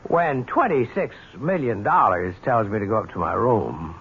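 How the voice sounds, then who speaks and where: A man's voice: on the low side, expressive, normal speed, a bit bright. An actor playing a suspicious, combative young man engaged to an heiress, in a radio drama heard through an old AM radio broadcast. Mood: bitter. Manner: tense, defiant. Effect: old AM radio broadcast sound. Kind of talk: 1970s radio drama acting. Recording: dull lo-fi old radio broadcast with faint hiss.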